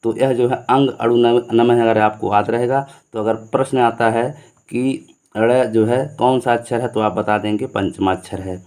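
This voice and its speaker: Male teacher, warm and mellow tone, patient classroom explanation, answers his own questions. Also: medium pitch, fairly even intonation, normal speed, smooth. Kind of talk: explaining Hindi grammar to students.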